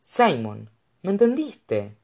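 A woman's voice: lowish voice, huge pitch swings, takes it slowly, vocal fry, a little mellow, pitched above the performer's own voice, heavily acted. A narrator voicing a fierce, frantic young woman who speaks urgently and pleads, in an audiobook. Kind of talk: audiobook character voice.

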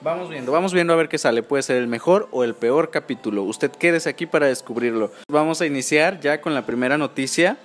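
A man with a Mexican accent hosts a podcast, chatting in a casual, informal, gossipy way and often ending his phrases with little tag questions. His pitch is fairly high, and he talks a little fast with few pauses. Soft music plays in the background.

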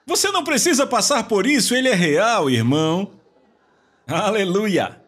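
A male preacher with a husky, breathy voice that sits fairly high. His delivery swings widely in pitch as he mocks how people pray and bursts into shouts. It is a lively, theatrical sermon. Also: measured pace. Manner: animated, mocking mimicry of believers, rising to shouts.

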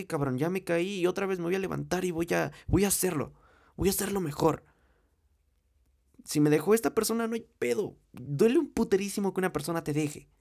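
A man's voice: a little high, gravelly, darkish tone. A young man with a Mexican accent giving a blunt, profane motivational monologue straight to the listener. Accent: Mexican Spanish. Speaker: motivational speaker.

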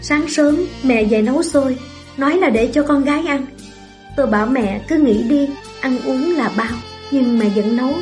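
Woman reading a sad story out loud, slow and gloomy, high voice, soft music in the back. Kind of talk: first-person story reading.

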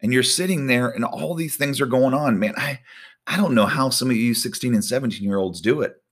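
A man, a volleyball coach giving a casual devotional talk with prayer, animated and conversational with many fillers. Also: medium pitch, a little fast. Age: 40s.

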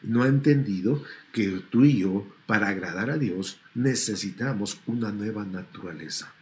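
A man's voice: fairly low pitch, normal speed, darkish tone, a little hiss or hum. A man preaching a sermon to a congregation, stretching out key words and asking rhetorical questions.

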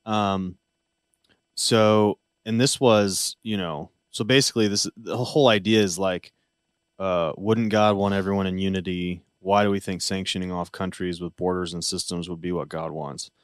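A man's voice: deep voice, fairly even intonation, normal speed, clear, resonant tone, no room sound, studio quality. A man co-hosting a podcast, rambling casually with jokey asides and restarts. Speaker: podcast co-host. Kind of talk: casual chat.

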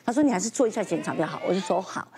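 A woman in her fifties with a Taiwanese accent, telling a personal story in a lively, casual way and acting out other people's voices. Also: lowish voice, rapid-fire. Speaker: guest.

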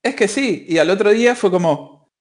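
Young man, Rioplatense Spanish accent, podcast host, rambling casual chat, fillers, a bit high-pitched. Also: animated, normal speed. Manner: rambling storytelling with frequent fillers.

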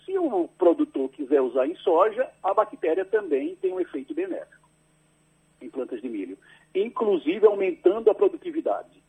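Explaining his agricultural research to a radio host by landline, a man uses a high, husky voice whose pitch swoops wildly, at normal speed. Patient and careful, he keeps tagging sentences with a quizzical "right?". Sound quality is narrow and tinny.

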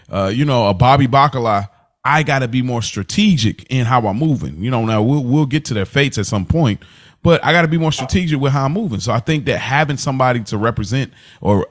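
An American man hosts a casual podcast about a TV series, speaking in a slangy, conversational way and repeating phrases to drive his point home. His voice is medium-pitched, and the recording is dry and studio quality.

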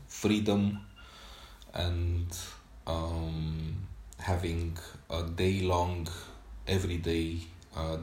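Here the same kind of host, a man whose first language is Romanian, talks off the cuff in a solo podcast journal, hesitating with many pauses and fillers. He has a deep, slightly mellow voice, and the room is echoey.

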